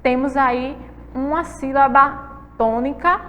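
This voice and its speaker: A woman teacher with a Brazilian Portuguese accent gives a lesson to a class, drawing out words slowly when she stresses them and asking the pupils questions. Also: high-pitched, a bit bright. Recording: long hall reverb.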